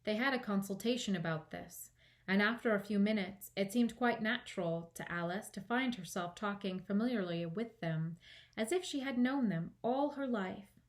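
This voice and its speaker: A woman reading a children's audiobook aloud as a storytime librarian, in an expressive narrating style. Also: medium pitch, moderate pace.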